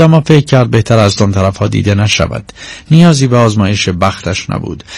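Steady male audiobook narrator, dry sound. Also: fairly low pitch, dry recording. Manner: steady, measured storytelling. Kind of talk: scripted narration.

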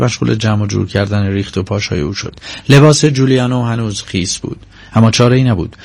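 A man narrating a novel in a steady, measured storytelling voice, recorded on a close microphone. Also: medium pitch, gravelly, no room sound. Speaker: audiobook narrator. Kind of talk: scripted narration.

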